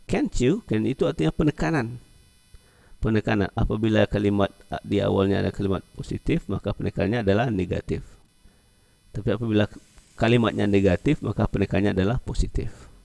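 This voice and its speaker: A man's voice: fairly low pitch, quick pace, gravelly, a little mellow, no room sound. A male English teacher, explaining a lesson and reading dialogues aloud in a raised, sing-song voice.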